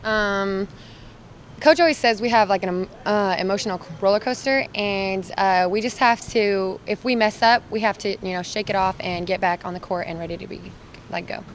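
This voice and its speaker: A woman's voice: medium pitch, moderate pace, slight background noise. A young woman from Utah, a college volleyball player, answering interview questions casually and hesitantly with many fillers. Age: young adult.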